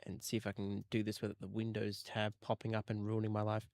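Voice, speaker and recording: A man's voice: lowish voice, completely flat delivery, quick pace, vocal fry, a little mellow, dry recording. A man chatting in a casual, jokey way on a livestream while he edits audio on his computer. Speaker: streamer editing rail audio.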